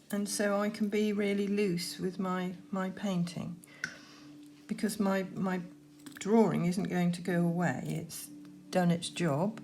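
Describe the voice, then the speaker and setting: A woman giving gentle, unhurried painting instruction, talking through her work as she goes, with trailing pauses. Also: fairly low pitch, slight background noise. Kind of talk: unscripted painting demonstration, talking while working.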